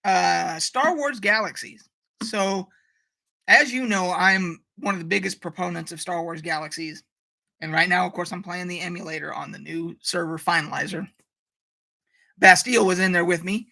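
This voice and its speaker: A woman's voice: lowish voice, normal speed, vocal fry, pushed and bright. A woman hosting a casual live stream, ranting animatedly, swearing freely and reading out viewer comments. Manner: reads out viewer chat comments.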